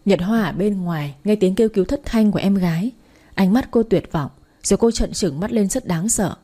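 A woman's voice: medium pitch, lively intonation, fairly quick, warm tone. A woman narrating a dramatic story in the first and third person, voicing all the characters herself.

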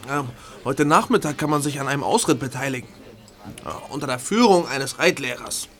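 A man's voice: medium pitch, animated, fairly quick, close to an everyday voice. A man playing a keen, confident teenage boy in a children's audio drama.

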